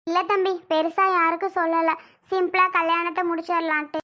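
A woman playing a shy, soft-spoken young bride who answers politely. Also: very high-pitched, little pitch movement, fairly quick. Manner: meek, polite.

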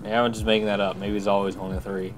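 Playing a game for the first time, a man offers jokey, casual let's-play commentary, grumbling and humming as he goes. He talks fast in a fairly low voice with little pitch movement.

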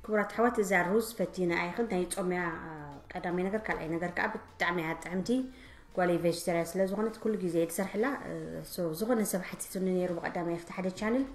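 Rapid-fire and fairly low-pitched, this native Tigrinya speaker cooks at home while chatting through each step and speaking directly to her audience. She stays behind the camera, whose mic records the echoey kitchen.

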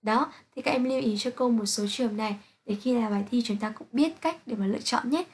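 A woman teaching an English pronunciation lesson, reading out sounds and example words slowly and carefully to her students. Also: a little high, a little mellow, husky. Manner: slow, careful, spelling out sounds one by one.

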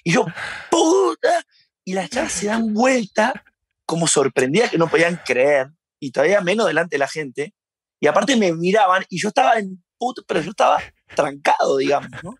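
A husky Uruguayan man with a fairly high voice recounts his stories in a casual interview. He is animated, laughs often and acts out his shouts, and the recording is dry and close. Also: fairly quick, dry recording. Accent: Uruguayan Spanish. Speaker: interview guest.

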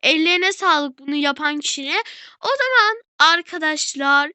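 A woman giving casual gameplay commentary as a channel host, excitable and talking straight to her viewers, gushing over the details she finds. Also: high-pitched, unhurried, no echo.

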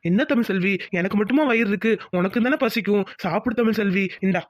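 A man's voice: high-pitched, fast talker, no echo, clean studio sound. A man voicing several male characters in a Tamil cartoon story, pleading and emotional.

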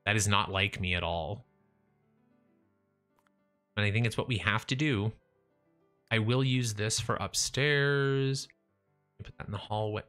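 A young livestreaming gamer chats casually while building, talking to himself, restarting and trailing off, his voice going hoarse. His bright, lowish voice moves at a measured pace with frequent pauses, recorded on a studio mic in front of his face in a small room at home, faint music behind.

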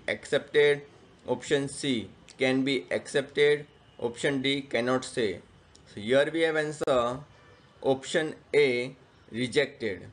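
Male teacher, thirties, medium pitch, dictating quiz items phrase by phrase with clear separation between options. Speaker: statistics teacher. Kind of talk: reading multiple-choice quiz questions and answers aloud.

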